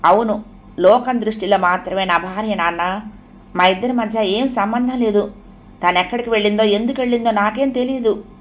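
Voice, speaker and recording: A woman's voice: mid-range voice, a little fast, lightly acted. Woman voicing a distraught young husband. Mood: anguished. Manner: pleading, emotional outbursts. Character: distraught young married man, anguished.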